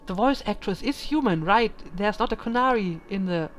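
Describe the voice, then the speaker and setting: A woman hosting a casual let's play, musing out loud in a thoughtful, hesitant way with lots of ums, recorded at home. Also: medium pitch, lively intonation, normal speed, slight background noise. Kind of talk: casual gaming commentary.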